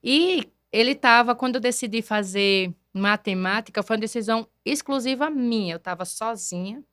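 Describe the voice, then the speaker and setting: A woman in her forties speaks with a slightly high voice on a dry, close studio mic. She tells her story in an animated way, acting out the voices she quotes. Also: moderate pace, no room sound. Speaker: guest, math teacher and neuroscience educator. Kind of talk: conversational podcast interview.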